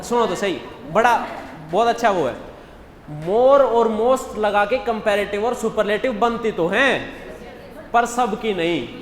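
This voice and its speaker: A male English teacher going over mock test answers in a classroom, constantly putting questions to the class and answering them himself. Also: high-pitched. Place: classroom with students. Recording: echoey hall with faint background hum.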